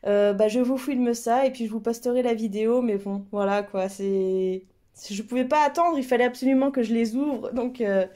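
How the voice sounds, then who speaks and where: A woman's voice: a little high, fairly even intonation, moderate pace, warm tone. A woman in her thirties chatting casually through an unboxing video, full of enthusiasm and hesitant fillers. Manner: enthusiastic, many fillers and restarts. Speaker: vlogger.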